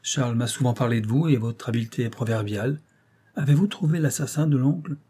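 A man's voice: mid-range voice, fast talker, mellow, slightly rough, lightly acted. A man voicing a startled young woman. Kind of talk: audiobook reading.

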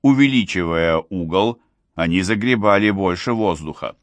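A man narrating a first-person adventure novel in a measured storytelling manner. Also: deep voice, expressive, no room sound. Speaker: audiobook narrator.

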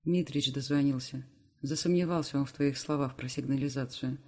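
A man's voice: mid-range voice, steady tone, moderate pace, mellow, natural voice. A man voicing a hot-tempered male head of security in an audiobook. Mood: flat, cold. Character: hot-tempered male bodyguard chief, stern. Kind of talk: audiobook character voice.

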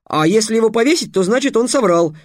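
An excitable clever boy, voice pushed high and eager, as a male reader puts him on. The pitch swings widely, and the sound is dry and close. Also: fast, no echo. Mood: excited. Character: excitable clever young boy wizard apprentice.

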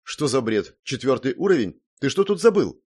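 A man's voice: medium pitch, animated, lightly acted. A man reading an audiobook, voicing a brash, teasing young blonde woman who snorts and scoffs. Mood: incredulous. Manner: snorting, exclaiming, quick to scoff. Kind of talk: audiobook character voice.

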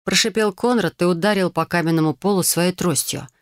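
A woman's voice: on the low side, a little fast, no room sound, clean studio sound. A woman narrating a first-person fantasy audiobook in a wry, sarcastic tone. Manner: wry, sarcastic inner monologue.

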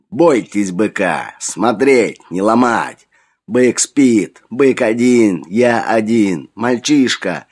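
Male narrator voicing raving captive warrior, clipped shouted bursts, frantic, raised pitch. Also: slightly rough, heavily acted.

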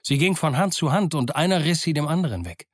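A man reading a classic adventure novel aloud as a steady first-person narrator. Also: fairly high pitch, fairly quick, dry recording, clean studio sound. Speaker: audiobook narrator. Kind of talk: scripted narration.

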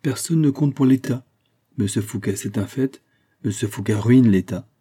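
A man's voice: mid-range voice, normal speed, mellow, breathy edge, lightly acted. A man reading aloud voices a proud old queen mother who speaks in a haughty, reproachful way.

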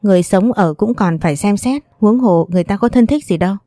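A blunt, suspicious middle-aged man, read by a woman narrator in a storybook recording. The tone stays mellow and the room dry. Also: mid-range voice, fast talker, no room sound, faint music behind, natural voice. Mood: indignant. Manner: accusing, blunt.

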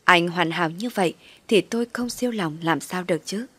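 Woman reading a story, low voice, dry close sound. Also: brisk, slightly rough, no echo. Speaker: story narrator. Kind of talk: first-person story reading.

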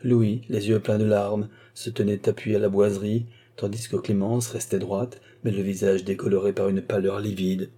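Low, husky male audiobook narrator. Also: level tone, normal speed, few pauses, mellow. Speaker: audiobook reader. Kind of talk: scripted novel narration.

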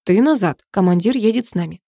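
A woman's voice: mid-range voice, lively intonation, brisk, gravelly, warm tone, no echo, clean studio sound. Woman reading as a terse police lieutenant. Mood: matter-of-fact. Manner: clipped, matter-of-fact.

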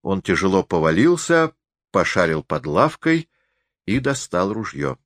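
Low-voiced man reading a story. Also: very animated, unhurried, no echo, clean studio sound. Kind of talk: audiobook reading.

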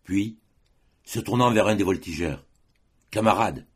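A man reading a classic story aloud as an audiobook narrator, in a measured, dramatic way. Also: low voice, husky. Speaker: audiobook reader.

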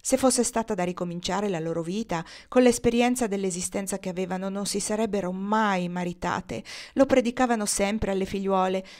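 A woman narrating a classic novel as an audiobook, reading expressively with an occasional soft laugh. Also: medium pitch, brisk, hardly any pauses. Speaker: audiobook reader.

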